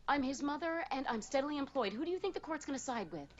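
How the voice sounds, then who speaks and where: A woman's voice: sits high, lively intonation, quick pace. A woman playing a firm, assertive mother in a naturalistic TV drama. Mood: argumentative. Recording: muffled TV soundtrack, noisy background.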